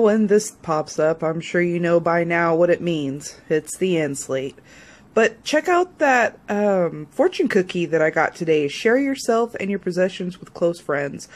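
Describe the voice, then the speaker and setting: A young woman chatting in a casual vlog, animated and playfully indignant. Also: on the low side, moderate pace. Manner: animated, exaggerated indignation, sing-song. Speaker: vlogger.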